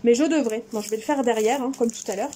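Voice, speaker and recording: A high-pitched woman, chatting away eagerly as she unboxes her crafting parcels. Her voice is soft and mellow rather than bright, and a faint hiss sits under the home recording. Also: quick pace. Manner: enthusiastic, chatty, exclaims often. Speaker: crafting vlogger. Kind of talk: casual unboxing chat.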